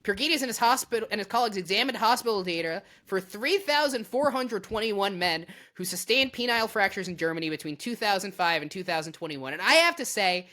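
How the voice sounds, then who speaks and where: A woman's voice: medium pitch, a bit bright. A woman co-hosting a comedy podcast, reading out strange news with wry, profane asides. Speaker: podcast co-host. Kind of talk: casual comedic news chat.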